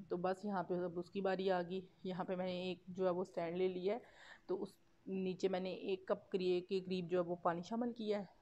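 A woman's voice: lowish voice, darkish tone. A woman with a Pakistani Urdu accent narrating a home cooking vlog as a voice-over, chatty, with frequent fillers and self-corrections. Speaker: cooking vlogger. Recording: dull lo-fi voice-over.

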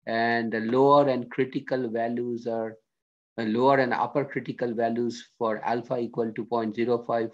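A man teaching a statistics lesson as a screen-recorded voice-over, working through it step by step and often checking in with "okay?". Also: medium pitch. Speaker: statistics lecturer. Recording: dull lo-fi screen-recorded audio.

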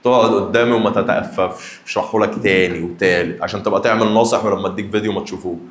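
A young man with an Egyptian Arabic accent, a math teacher giving a lively lesson and teasing his students directly. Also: on the low side, very fast, echoey room.

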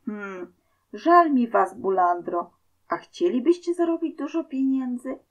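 Sly scheming devil in disguise, voiced by a woman, wheedling tone, slow, storybook reading. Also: on the high side, big pitch swings, pitched above the performer's own voice. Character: scheming male devil disguised as mine foreman.

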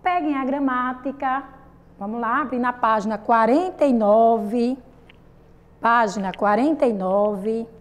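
Woman, Brazilian Portuguese accent, primary school teacher, high voice, patient, quizzing the class. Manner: patient, repeats and asks the class questions, drawn-out sung syllables. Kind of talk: recorded classroom lesson for children.

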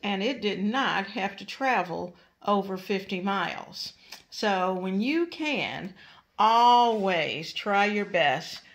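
An older woman hosts a home kitchen vlog, chatting casually with homespun advice and thankful asides. Her medium-pitched voice has lively intonation and a slow delivery. She records indoors in her kitchen and dining room.

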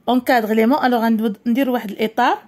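A woman with a Moroccan accent teaching a primary school French lesson, reading words slowly and deliberately, then explaining quickly. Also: fairly high pitch, steady tone, darkish tone.

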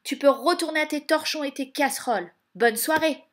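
A woman's voice: high-pitched, fairly quick, pitched above the performer's own voice, close to an everyday voice. A woman voicing a cold, cruel, haughty stepmother with a curt, sneering manner in a read-aloud storybook.

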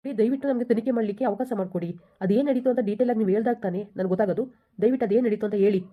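A woman's voice: a little high, rapid-fire, phone-quality sound, very noisy, natural voice. A woman doing a stern village police officer. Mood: firm. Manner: firm, questioning.

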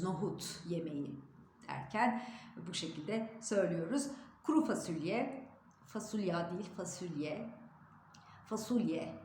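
A woman giving a pronunciation lesson on her channel, speaking clearly and deliberately and stressing contrasting example words. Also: medium pitch, darkish tone, echoey room, a little hiss or hum. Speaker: diction teacher.

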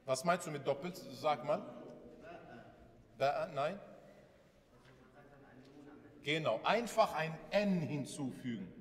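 A man's voice: fairly high pitch, lively intonation, takes it slowly, pauses often, big-room sound. A man teaching a class, patiently asking questions and repeating points. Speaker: Arabic alphabet teacher. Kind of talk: classroom lesson with questions to students.

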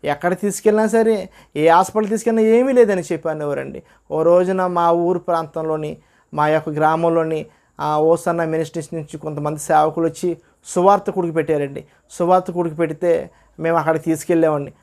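A man tells his testimony in an earnest, storytelling way. His voice sits a little high for a man, and he acts out each line of dialogue. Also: fairly even intonation, fairly quick, darkish tone. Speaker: testimony speaker. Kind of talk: personal religious testimony.

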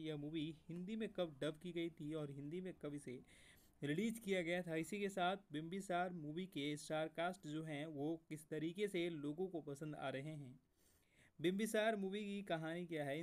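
A man hosting a movie review video, talking casually to viewers as friends and pausing now and then with fillers. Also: on the high side. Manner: keeps addressing viewers as friends, halting with fillers. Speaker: movie review channel host.

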